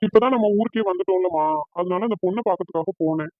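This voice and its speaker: A troubled young son from a cartoon explains himself earnestly, voiced by a woman. The voice is lowish and quick. The sound is tinny and dry, like a phone line. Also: no room sound, natural voice. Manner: hesitant, earnest.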